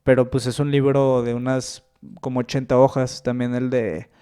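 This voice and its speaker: Un hombre con acento mexicano, invitado y autor de cuentos, que habla con titubeos y muletillas en una charla casual. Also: male voice, mid-range voice, level tone, normal speed, mellow, clear, resonant tone. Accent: Mexican Spanish. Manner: hesitant, thinks aloud with fillers like este and o sea. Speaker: guest, short-story writer. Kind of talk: casual podcast conversation.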